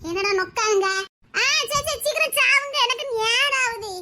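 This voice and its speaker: A woman's voice: very high-pitched, moderate pace, background noise. A woman voicing a sarcastic older sister figure in a drama, speaking with a Tirunelveli Tamil accent and jeering in a mocking tone.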